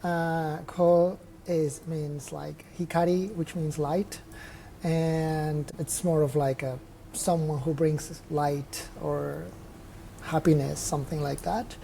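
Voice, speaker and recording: Mellow-voiced young man from Mexico. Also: a little high, flat delivery, takes it slowly, vocal fry, a little hiss or hum. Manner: open and reflective, with thinking-aloud restarts. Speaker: trail runner guest. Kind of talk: casual interview chat. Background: faint chatter of people nearby.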